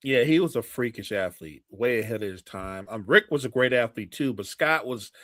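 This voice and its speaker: A man co-hosting a podcast in casual chat, talking haltingly with many restarts and fillers. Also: mid-range voice, animated, a bit bright, no room sound. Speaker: podcast co-host. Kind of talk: casual chat about wrestling.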